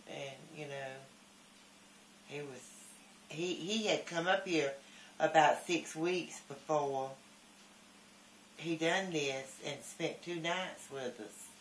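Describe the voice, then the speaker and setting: An older man talking reflectively and casually, halting and repeating his words. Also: on the high side, fairly bright tone. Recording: echoey room, faint background noise.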